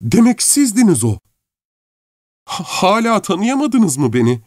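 A man voicing a distraught young noblewoman who cries out in a raised, high voice. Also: big pitch swings, a little slow, no room sound, clean studio sound, heavily acted. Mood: shocked. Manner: high, crying out in shock. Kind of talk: audiobook character voice.

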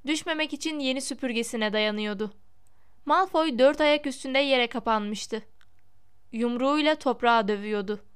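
A woman reads a storybook aloud in a measured, expressive way. Her voice sits high and comes through exceptionally smooth and clear. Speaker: audiobook narrator. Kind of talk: storybook narration.

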